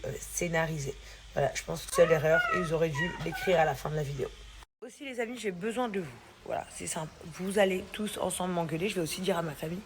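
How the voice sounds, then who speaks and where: A woman's voice: lowish voice, slight background noise. A woman with an English accent, a native English speaker, chatting casually to her followers as a vlogging mother. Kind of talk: casual vlog chat to camera.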